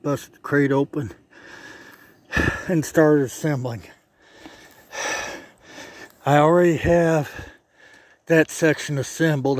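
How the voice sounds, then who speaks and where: A man narrating his own project vlog outdoors in a casual, halting way, thinking aloud as he works. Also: a little high, a little mellow, dry recording. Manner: chatty and halting, thinking aloud while working. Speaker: DIY vlogger. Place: outdoors by a driveway.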